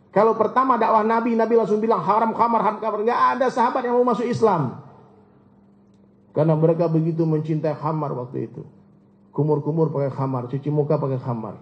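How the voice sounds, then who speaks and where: A male preacher giving a lively, humorous sermon and often turning to his listeners directly. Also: fairly high pitch. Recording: echoey hall, dull lo-fi sound.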